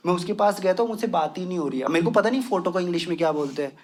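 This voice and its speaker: Crude young male stand-up comic, high-pitched. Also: animated, very fast, heavy background noise. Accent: western Uttar Pradesh Hindi. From western Uttar Pradesh, India. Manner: crude, swearing, mixes English into Hindi. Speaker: stand-up comedian. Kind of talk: stand-up comedy set. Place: comedy stage with a laughing audience.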